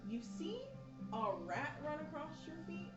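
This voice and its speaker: A woman's voice: sits high, lively intonation, a little slow, far from the mic, over loud music. A woman narrating a tabletop game as game master, in a casual way with fillers. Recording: echoey room, dull lo-fi audio.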